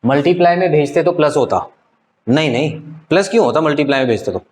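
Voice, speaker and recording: A man's voice: on the high side, animated, fast talker, a little mellow. Male tutor, slightly raised voice, patient stepwise live-class explaining. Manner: explains step by step, often checks with "clear?". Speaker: teacher. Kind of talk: live online math class.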